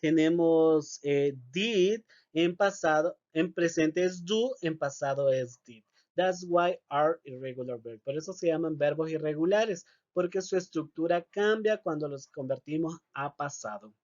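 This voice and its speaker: Slow-talking male English teacher, lo-fi. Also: a little high, darkish tone. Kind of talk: recorded video lesson.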